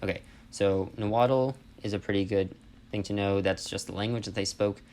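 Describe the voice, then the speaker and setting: Low-voiced man teaching casually. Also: steady tone, normal speed, darkish tone. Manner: conversational, explanatory, often checks in with "right?". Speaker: instructor. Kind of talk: informal spoken history lesson.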